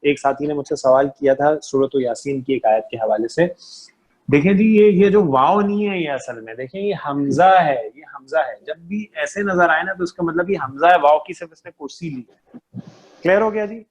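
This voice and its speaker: A man's voice: a little high, expressive, moderate pace. A man teaching an online class, patient, repeating key terms and checking often that his students understand.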